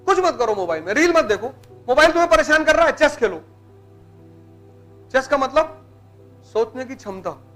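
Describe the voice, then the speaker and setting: A man's voice: very high-pitched, very animated, normal speed, pauses often, fairly bright tone, soft background music. A man giving a blunt, teasing motivational lecture to students in colloquial speech. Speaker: motivational teacher.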